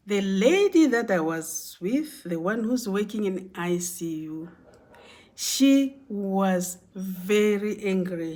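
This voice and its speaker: Woman chatting a story to camera, slow and unhurried, lots of "and then" and "you know". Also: mid-range voice, a little mellow. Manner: conversational, repeats phrases, many "you know" and "and then". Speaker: vlogger telling a workplace story. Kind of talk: casual storytelling.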